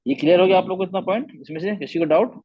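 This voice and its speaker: Man, recitation teacher, patient, repeats letter sounds, checks students, fairly high voice, husky, dull dry audio. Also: very fast, no echo. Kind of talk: online tajweed class.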